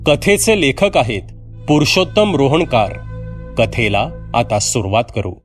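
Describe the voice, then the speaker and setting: A man narrating a horror story in the first person, measured and steady, with acted dialogue. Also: medium pitch, soft background music.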